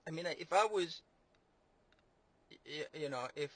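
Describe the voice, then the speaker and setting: A man's voice: on the high side, animated, slow pace, no echo. A man delivering a sarcastic political monologue, rambling and mocking, with many fillers and restarts. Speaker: commentator.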